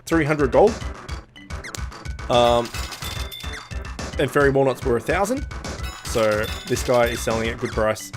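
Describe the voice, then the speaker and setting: A man's voice: mid-range voice, expressive, unhurried, pauses often. A man doing casual, joking, sweary commentary as he plays a video game. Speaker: let's play host. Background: video game music.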